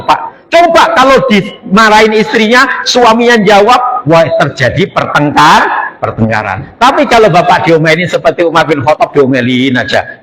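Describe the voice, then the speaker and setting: A man's voice: sits high, a bit bright, low-quality recording. A man preaching a sermon, who keeps asking his congregation questions and jokes with them. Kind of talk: sermon, lively religious talk. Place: mosque after dawn prayer.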